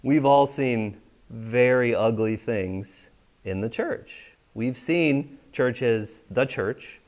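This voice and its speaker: Extremely slow and a little mellow, this mid-range male voice belongs to a pastor from the United States. He preaches in a church sanctuary, speaking with the congregation conversationally and checking often that they're keeping up.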